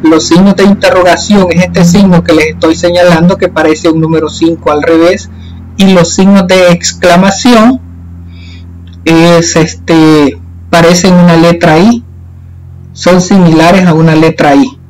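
A man's voice: sits high, steady tone, measured pace, darkish tone, a little hiss or hum, poor audio. A male teacher patiently explaining a worksheet to schoolchildren in a recorded lesson. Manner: patient, explanatory, addressing children.

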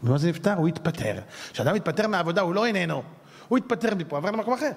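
A rabbi delivers a sermon in a high, very lively voice that swings widely in pitch. He tells stories dramatically and climbs to shouts for emphasis. His voice rings with long reverb from a hall. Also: a little hiss or hum. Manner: animated, dramatic storyteller who rises to shouts for emphasis.

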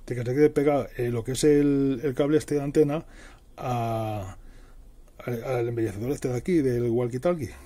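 A middle-aged man with a warm, mid-range voice presents a DIY tutorial at an indoor worktable. He gives a casual, hands-on how-to, explaining each step plainly.

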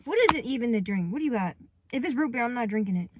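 A woman on a blindfolded date, bantering casually with sassy quick comebacks. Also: fairly high pitch, lively intonation, noisy background. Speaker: date guest.

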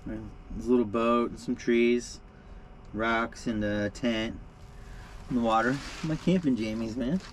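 A laid-back middle-aged man talks to the camera from a cramped truck camper shell. His voice sits at an ordinary pitch, with a steady hum of noise from the heater and the rain around him. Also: unhurried. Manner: relaxed, chatty, laughs often, many fillers. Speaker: vlogger. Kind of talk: casual vlog talk to camera. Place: inside a small truck camper shell at night.

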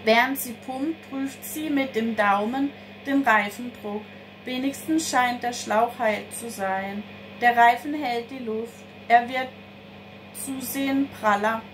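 Female storyteller, high-ish voice, unhurried, noisy recording. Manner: slow, careful read-aloud delivery. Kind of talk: scripted narration of a children's story.

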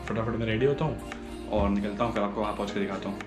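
A man's voice: lowish voice, fast talker, reverberant, over music. Chatty young man vlogging to camera. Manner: relaxed chatty, mixing in English words. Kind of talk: casual vlog chat. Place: home rooms, lift and basement parking. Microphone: phone or camera at arm's length.

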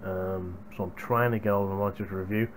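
With a deep voice, steady tone, and quick pace, a young man chats casually to his viewers about hardware. Slight background noise accompanies the gaming headset boom mic recording, made indoors in a small room at home.

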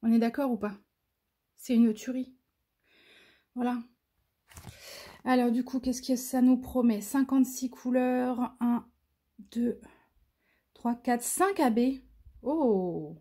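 A woman's voice: fairly high pitch, a little slow, pauses often, mellow. A woman vlogger chatting casually through an unboxing, gushing with enthusiasm over what she shows. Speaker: crafting vlogger.

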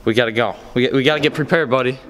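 A young man chatting casually into a handheld camera, sounding hurried as he vlogs backstage. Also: medium pitch, crowd noise. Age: young adult. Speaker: vlogger, performer. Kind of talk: casual handheld vlog chat. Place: backstage and in school auditorium. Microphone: camera held at arm's length. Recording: noisy handheld camera audio.

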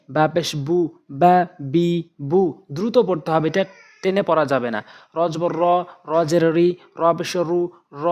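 A man teaching Quran letter pronunciation, explaining rules and slowly drilling each syllable with patient repetition. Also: on the high side, darkish tone. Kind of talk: slow spoken lesson with drilled recitation.

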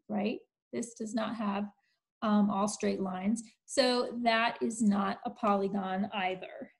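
Slow, patient woman teaching a math lesson. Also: a little high, rough recording. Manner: patient, explains step by step with frequent "right?" checks. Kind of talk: recorded distance-learning math lesson.

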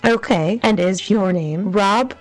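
A woman posing as a supervisor, with a slow, deadpan, mocking delivery. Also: mid-range voice, no echo, faint music behind. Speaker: prank caller posing as supervisor.

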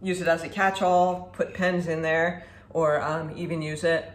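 Her voice is deep, with little pitch movement and a measured pace, as this thirtysomething food vlogger gives a casual, chatty review from her home kitchen. She demonstrates cheerfully at the counter while a camera records from a few feet off. Echo and faint ambience fill the kitchen.

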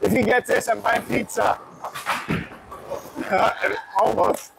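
A man vlogging a bowling match against his brother, exclaiming excitedly as the shots roll. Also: high voice, slow, gravelly, heavy background noise. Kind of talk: casual banter during play. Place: large indoor bowling alley. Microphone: camera set behind the lanes. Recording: loud music in a bowling alley.

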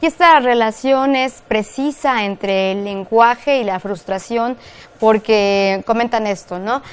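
A woman's voice: fairly high pitch, slow, smooth. Mexican woman hosting a radio chat. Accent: Mexican Spanish. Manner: attentive, adds follow-up remarks. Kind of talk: interviewing with short backchannels.

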